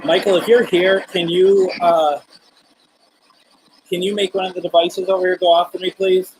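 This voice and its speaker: A man hosting a casual live paranormal session, asking questions in a halting way and repeating words. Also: high voice, level tone, darkish tone. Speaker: host of a live spirit box session. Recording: noisy, rasping scratchy static behind the voice.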